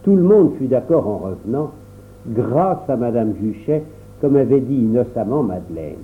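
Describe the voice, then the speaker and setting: A man narrating a children's novel aloud in a measured storytelling manner. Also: medium pitch, very animated, a little hiss or hum. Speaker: audiobook narrator. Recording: tinny phone-like sound.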